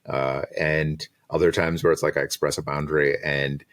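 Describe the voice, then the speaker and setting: A man's voice: a bass voice, flat delivery, normal speed, a bit bright. A man in his thirties, a design manager talking casually in an interview, reflective and laughing often, with plenty of fillers. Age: 30s. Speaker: design manager and podcast guest.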